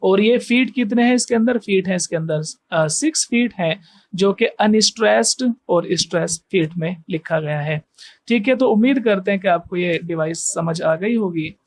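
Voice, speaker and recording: A man teaching English poetry, patiently counting out syllables one by one and checking in with his listeners as he goes. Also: high voice. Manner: slow, patient counting of syllables with frequent "theek hai" checks. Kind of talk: explaining poetry meter step by step.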